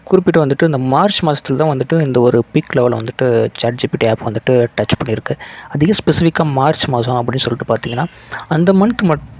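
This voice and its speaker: This tech news host talks casually and explanatorily, his chat full of fillers and English terminology. He speaks in a mid-range, darkish voice.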